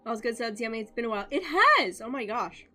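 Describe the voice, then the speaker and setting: Excitable woman game streamer. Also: fairly high pitch. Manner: excitable, chatty, quick reactions. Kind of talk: casual live-stream chat.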